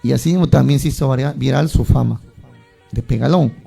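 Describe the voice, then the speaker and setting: A man's voice: mid-range voice, a little fast, vocal fry, dark tone, husky, soft background music. A man preaching a sermon, telling stories animatedly and acting out the voices of churchgoers.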